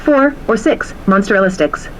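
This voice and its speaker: A woman taking orders over a drive-thru intercom, running through quick, scripted prompts. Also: mid-range voice, animated, a little hiss or hum. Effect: heard through a drive-thru intercom speaker. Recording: muffled drive-thru speaker picked up from a car.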